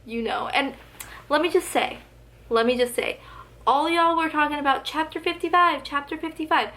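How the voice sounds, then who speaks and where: A young woman with a high, fairly bright voice speaks at normal speed to the camera in a casual book tag vlog. As a book vlogger she gushes about books in a chatty way, saying "like" constantly, and her voice is slightly going.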